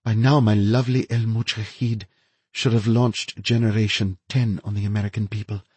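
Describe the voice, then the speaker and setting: A man voicing a feverish, unhinged woman scientist who gloats in a high, breathy, lilting voice. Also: flat delivery, moderate pace, darkish tone, no echo. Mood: gloating.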